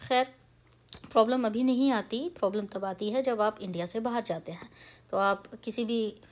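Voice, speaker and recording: भारतीय लहजे वाली युवा महिला, कुछ ऊँची आवाज़. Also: female voice, a little high, normal speed. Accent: Indian English. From India. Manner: chatty, mixes Hindi and English, explains patiently. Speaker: pronunciation teacher. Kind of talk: casual spoken lesson.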